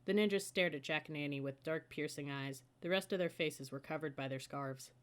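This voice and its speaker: This is a children's audiobook told fairly quickly by a woman whose voice sits slightly low. Like a storybook reader, she carries the listener along through the story's scenes.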